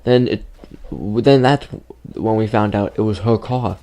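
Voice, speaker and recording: A teen boy of fifteen who makes gaming videos on YouTube narrates a rambling, filler-laden story over gameplay while losing his voice. His lowish male voice is unhurried and warm, with a little hiss or hum in the background.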